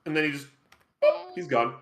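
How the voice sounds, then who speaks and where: A young man running a tabletop game, talking in a loose, rambling way with a bright tone and a lively, swinging pitch. His voice sits a little high and rings in a roomy, echoey space. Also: normal speed. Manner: casual, rambling with fillers. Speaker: game master. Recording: echoey room.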